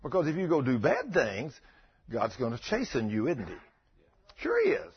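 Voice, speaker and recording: A man's voice: mid-range voice, very animated, normal speed, husky, dull audio. A man preaching a folksy sermon, telling stories and bantering with his congregation.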